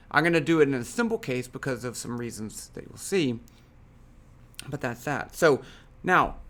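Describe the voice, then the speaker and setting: A man narrates a screen-recorded physics coding lesson in an easygoing, chatty way. He thinks aloud, pausing on fillers and correcting himself mid-sentence. His voice sits at an ordinary middle pitch for a man. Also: a bit bright. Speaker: physics tutorial host.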